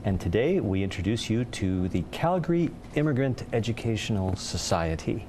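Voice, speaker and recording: A man's voice: lowish voice, very animated, normal speed, a little mellow, slight background noise. A man co-hosting a TV studio interview in a friendly manner, often repeating words as he hesitates. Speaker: co-host. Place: TV studio set. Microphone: lapel.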